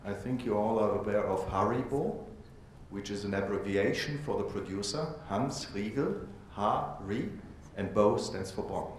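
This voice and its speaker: Man, low-ish, echoey hall. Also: a little slow, slight background noise. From Germany. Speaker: panelist. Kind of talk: panel introduction.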